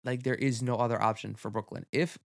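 A man's voice: mid-range voice, steady tone, fairly quick, vocal fry, no room sound, studio quality. A young man hosting a solo sports podcast, talking loosely with lots of fillers and casual swearing. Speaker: podcast host.

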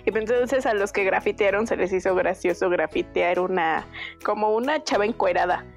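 A woman's voice: medium pitch, normal speed. A young woman with a Mexican Spanish accent, telling childhood stories in a joking casual chat. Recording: faint background music.

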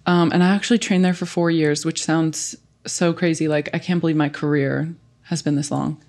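Chatty woman guest with a low voice. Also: fairly even intonation, normal speed, darkish tone. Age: late 20s. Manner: chatty, filler-heavy, laughs often. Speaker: guest swimmer. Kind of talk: casual podcast chat.

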